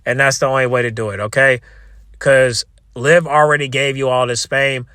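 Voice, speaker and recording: A man with a bright, tense voice at a middling pitch records an opinionated rant in a very dry space. He sounds exasperated and talks casually to his viewers, repeating himself, restarting phrases and swearing freely. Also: little pitch movement, no echo. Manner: exasperated, repetitive, halting restarts. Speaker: wrestling commentary video creator.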